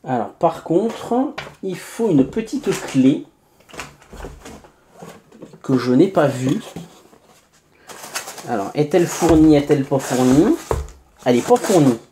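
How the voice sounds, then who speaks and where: A man's voice: fairly high pitch, big pitch swings, takes it slowly, long pauses, mellow. A man hosting a casual unboxing review, chatty, with many fillers and asides to viewers. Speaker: tech reviewer host. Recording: echoey room, faint background noise.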